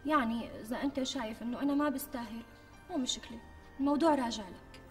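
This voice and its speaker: An actress playing a pampered, demanding young pregnant wife with a Syrian Damascene accent, wheedling and quick to take offence. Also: female voice, a little high, natural voice. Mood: coaxing. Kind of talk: TV sketch acting. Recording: distant mic with faint music.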